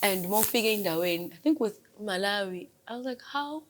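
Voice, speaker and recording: Over a noisy crowd, a young South African gospel singer answers interview questions in an animated, fairly quick, mid-range voice. Earnest and grateful, she talks about her faith, switching between Zulu and English mid-sentence.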